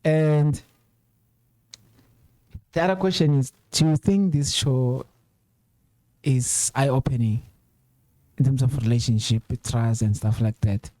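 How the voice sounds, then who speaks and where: A man hosting a laid-back talk show, his voice mellow and warm. He asks questions in an easy, conversational way, leaning on fillers. The sound is dry and close, with no room around it. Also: medium pitch, slow pace, pauses often, no echo. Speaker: host. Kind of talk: casual chat.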